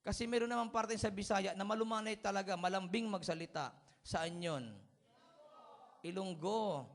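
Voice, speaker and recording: A man's voice: high-pitched, normal speed. A man preaching a sermon with humor, often asking for amens and chuckling at his own everyday stories.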